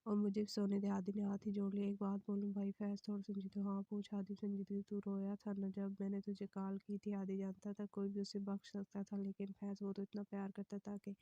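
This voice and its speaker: Woman narrator for a romance novel reading, very flat and dark in tone, soft and breathy, close dry mic. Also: mid-range voice, a little fast, hardly any pauses, dry recording, muffled recording. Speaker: novel reader.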